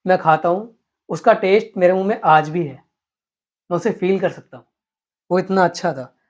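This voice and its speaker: A man's voice: high-pitched, moderate pace. Earnest storytelling man, dull lo-fi sound. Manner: earnest, animated retelling with acted quotes. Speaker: guest telling a story. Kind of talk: storytelling in an interview.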